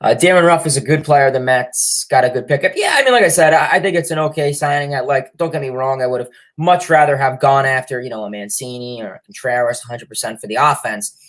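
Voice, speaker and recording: A young livestream host with a cold sniffles through casual sports chat, reading viewer comments and rambling with many fillers and restarts. He talks fast with hardly any pauses, his medium-pitched voice carrying a fairly bright tone.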